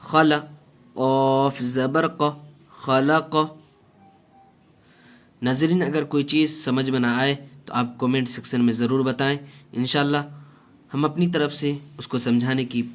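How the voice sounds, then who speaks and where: A man teaching Quran reading, spelling out syllables slowly and deliberately, with short asides to viewers. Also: mid-range voice. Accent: Indian Urdu-Hindi. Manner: slow, deliberate syllable-by-syllable drilling, even tone. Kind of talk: spelling-out Quran recitation lesson.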